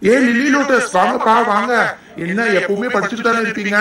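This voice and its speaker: A man's voice: very high voice, a little fast, sharp tone, very echoey, distant mic. A man voicing cheeky, boastful young boys in a cartoon, talking in a bold, teasing and argumentative way. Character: cheeky young boy playmates, boastful and quarrelsome. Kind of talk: cartoon dubbing.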